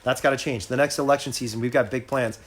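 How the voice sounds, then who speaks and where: A man's voice: medium pitch, steady tone, fast. A man talking earnestly and persuasively to viewers on a casual home livestream, addressing them directly. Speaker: animal rights activist on a livestream. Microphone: phone or laptop on a home livestream.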